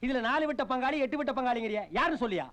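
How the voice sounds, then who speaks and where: A man playing a sharp-tongued middle-aged uncle in a film comedy, firing off sarcastic insults. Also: extremely high pitch, racing, background noise.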